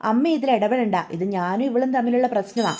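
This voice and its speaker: A woman's voice: a little high, fairly quick, warm tone, a little hiss or hum, lightly acted. A woman voicing a bitter, stubborn middle-aged mother who scolds harshly. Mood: angry, bitter.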